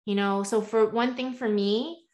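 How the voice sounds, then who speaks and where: A woman with a slightly high, unhurried voice tells her story candidly as a guest coach, heard through webcam audio in a home room with shelves. In her forties, born in the US and partly raised in Taiwan, she's earnest, gestures animatedly, and keeps adding chatty "right?" asides.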